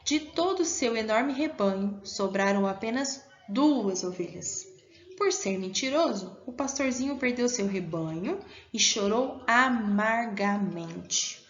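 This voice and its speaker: Brazilian woman, primary teacher, patient and encouraging with small pupils; slightly high voice, muffled home recording. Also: expressive, takes it slowly. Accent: Brazilian Portuguese. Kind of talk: recorded online class.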